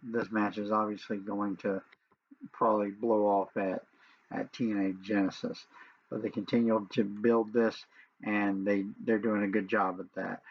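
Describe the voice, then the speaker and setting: A man's voice: fairly low pitch, vocal fry, breathy edge. A man giving a casual, opinionated wrestling recap, speaking emphatically and repeating phrases for emphasis. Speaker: wrestling show reviewer. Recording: dull lo-fi sound.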